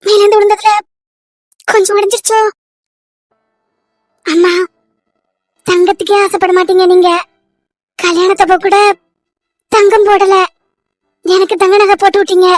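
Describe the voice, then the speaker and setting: A woman's voice: extremely high pitch, little pitch movement, a little slow, pauses often, dry recording, studio quality, faint music behind. A woman voicing a young married woman in a cartoon story, anxious and pleading, repeating her questions over and over. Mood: tender.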